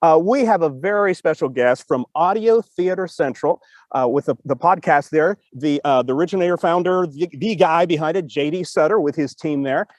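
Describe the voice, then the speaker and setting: His voice is on the high side with a darkish tone, spoken at normal speed and free of room sound. This podcast co-host, who also teaches storytelling, chats casually from outdoors in a cemetery. He rambles enthusiastically and repeats himself often.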